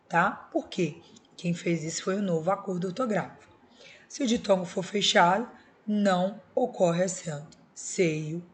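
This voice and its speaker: Lower-voiced woman teaching a lesson. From Brazil. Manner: explains step by step with tag questions. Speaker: Portuguese teacher. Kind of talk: recorded school video lesson.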